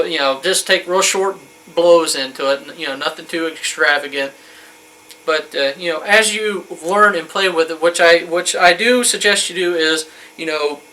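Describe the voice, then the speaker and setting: A man in his thirties gives an informal how-to talk as a hunting instructor in a wood-panelled room, folksy, colloquial and rambling. His voice is a little high with a sharp tone, and the audio is poor.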